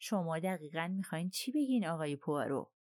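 A woman reading the part of an aloof, calm elderly princess who speaks slowly and with composure, in an audiobook. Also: sits low, dry recording, clean studio sound. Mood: probing. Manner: slow, measured and composed.

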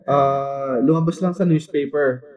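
A young man from the Philippines, co-hosting a casual chat and telling stories in a lively way with many fillers. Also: medium pitch, unhurried. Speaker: podcast co-host. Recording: dull lo-fi echoey sound.

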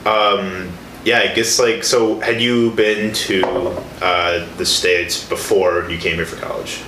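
A man's voice: sits low, fairly even intonation, slow, pushed and bright. A man interviewing a guest in casual chat, hesitant and full of filler words. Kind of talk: casual conversation. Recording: roomy echo, faint background noise.

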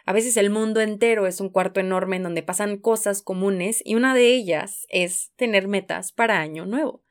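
A woman's voice: medium pitch, moderate pace. A woman with a Mexican accent hosting a podcast, talking through her thoughts in a casual, intense monologue full of rhetorical questions. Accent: Mexican Spanish. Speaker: podcast host.

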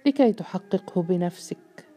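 A mysterious male servant speaks with quiet, reassuring calm, as a woman narrator puts him on. The voice is low and very dark, almost mellow. He never raises it. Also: normal speed.

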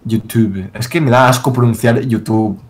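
A man's voice: mid-range voice, fairly even intonation. A man from Spain co-hosting a casual chat, joking and swearing as he talks. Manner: profane, joking, quick to mock. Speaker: podcast co-host.

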